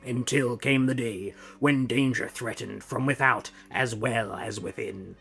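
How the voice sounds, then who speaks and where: A man's voice: mid-range voice, steady tone, unhurried, creaky, fairly bright tone, soft background music. A man giving a dramatic, grandiose scripted narration of a comic book. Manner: grandiose, declaiming.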